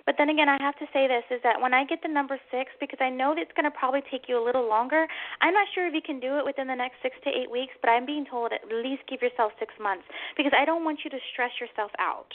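Female psychic medium host, high pitch, comforting delivery, slightly dull lo-fi call sound. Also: quick pace, few pauses. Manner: soothing, reassuring, with endearments like "hon". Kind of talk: psychic reading for a caller.

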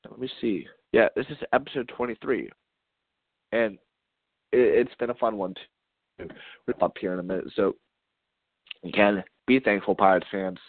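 Wrapping up his solo baseball podcast, a man speaks with a fairly low pitch at a moderate pace, leaving long pauses. He's casual and a bit stuffed up, rambling, tripping over words, repeating himself, and chuckling. The sound is dry and phone-like, with no room tone.

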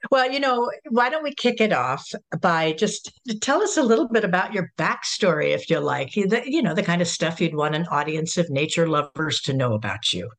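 A podcast host interviewing a guest in an encouraging way, often adding soft affirmations. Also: mid-range voice, expressive, moderate pace, hardly any pauses.

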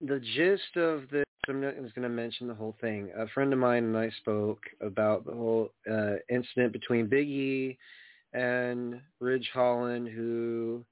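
A man's voice: mid-range voice, fairly even intonation, unhurried, smooth, dry recording. A man hosting a wrestling radio show, chatting casually in a rambling, slangy way over a thin phone-like line. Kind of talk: casual talk show chat.

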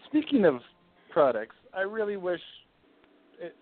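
A male sports talk host with a slightly high voice chats loosely and casually. The sound is dry and narrow, like a phone connection. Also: big pitch swings, unhurried, dry recording. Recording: tinny, phone-like internet radio.

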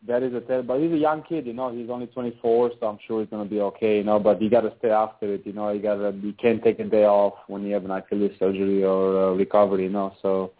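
A man's voice: lowish voice, little pitch movement, quick pace, hardly any pauses. Rambling man on a tinny phone line. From Albania. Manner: rambling, says "you know" constantly. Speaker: professional volleyball player, guest. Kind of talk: casual phone interview. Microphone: phone call.

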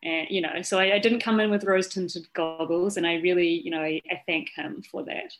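Appearing as a guest in a relaxed interview, a yacht officer and founder in her thirties talks in a New Zealand accent, cheerful and quick to laugh. Her voice is lowish, steady and brisk. Audio quality is poor.

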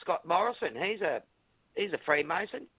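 A man's voice: high voice, expressive, moderate pace, slightly rough, no room sound. A man with an Australian accent chatting casually as a podcast guest, in the blunt, slangy manner of an Aussie tradesman. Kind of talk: casual chat. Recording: thin phone-line sound.

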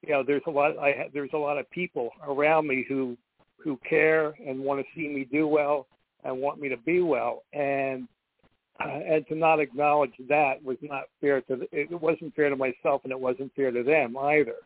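A man speaking candidly on a conference call line that keeps cutting out, halting and restarting his words. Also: fairly high pitch, steady tone. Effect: conference call line that keeps breaking up. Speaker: guest. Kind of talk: candid personal talk. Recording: tinny phone line.

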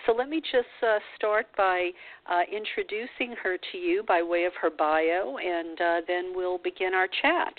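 A woman hosting a talk show who introduces her guest warmly, with many filler words. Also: lowish voice, a little slow, no echo. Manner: warm and gushing, heavy on filler words. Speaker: radio show host. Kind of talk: interview introduction. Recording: tinny phone-line sound.

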